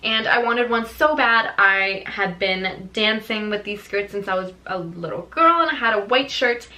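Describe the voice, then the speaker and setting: Young woman from venezuela doing a chatty storytime, bright voice, says like a lot, laughs a bunch. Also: mid-range voice, moderate pace, rough recording. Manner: chatty and animated, laughs often, lots of "like". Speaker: vlogger. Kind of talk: casual storytime.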